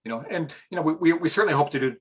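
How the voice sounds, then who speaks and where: A man's voice: on the high side, expressive, very fast, slightly rough. A middle-aged man as an interview guest, chatting casually and rambling with restarts, getting emotional at times.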